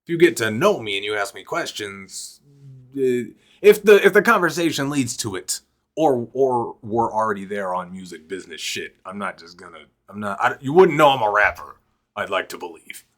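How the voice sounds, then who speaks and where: Young man, casual talk to camera, swears a lot, rambles and restarts, pitch swings widely. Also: animated, normal speed, a bit bright. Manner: profane, rambling, self-interrupting. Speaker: vlogger and rapper. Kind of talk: casual personal storytelling to camera.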